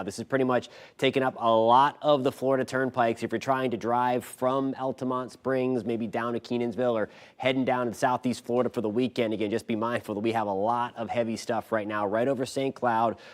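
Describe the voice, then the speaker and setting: An American man delivering a live local TV weather forecast in an informal, folksy, conversational way. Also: mid-range voice.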